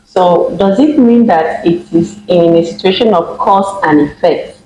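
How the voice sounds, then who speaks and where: A host opening a casual talk show and asking the guests questions in a plain, steady way. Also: medium pitch, measured pace, reverberant, background noise.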